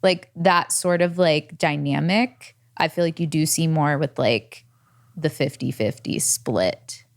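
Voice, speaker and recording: A woman co-hosting a podcast, chatting in a relaxed way and filling her sentences with "like". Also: deep voice, slow. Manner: relaxed, full of "like" fillers. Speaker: podcast co-host. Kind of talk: casual podcast chat.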